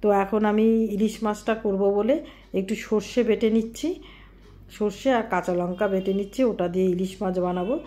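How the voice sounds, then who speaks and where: A woman's voice: medium pitch, little pitch movement, fairly quick, mellow. A middle-aged woman, chatting casually to viewers in a home vlog. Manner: chatty, talks to viewers directly. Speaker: vlogger. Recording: roomy echo, faint ambient noise.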